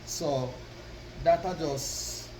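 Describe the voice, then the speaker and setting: A man delivers a devotional address in Rasta speech, slowly and deliberately. He proclaims with weighty pauses and emphatic declarations. The recording is roomy and off the mic, with steady noise behind him. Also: a little high. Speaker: Rastafari speaker addressing followers. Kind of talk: devotional address with reading of own written piece. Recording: roomy, distant mic, constant background noise.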